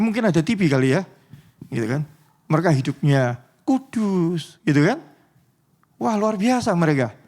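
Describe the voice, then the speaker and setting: A man preaching a casual sermon in church, joking with the congregation and often asking them to agree, sometimes dropping to a near whisper for dramatic moments. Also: sits high. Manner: chatty, joking, often asks the congregation "betul ya?".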